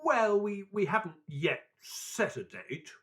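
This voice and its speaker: An actor playing a mild, earnest Victorian doctor and storyteller in an audio drama, polite and measured. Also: male voice, high voice, expressive, a bit bright, breathy edge, heavily acted. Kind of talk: audio drama acting and narration.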